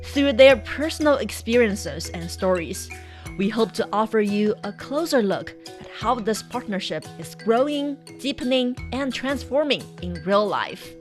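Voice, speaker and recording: A woman hosting a conversational podcast, speaking in a friendly, unhurried way with a few fillers. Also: fairly high pitch, animated, faint music behind. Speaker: podcast host.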